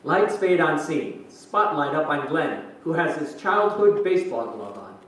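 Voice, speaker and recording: A man's voice: on the high side, animated, a little slow. A man narrating stage directions for a staged play reading in scripted delivery. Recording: echoey hall, distant mic, faint noise.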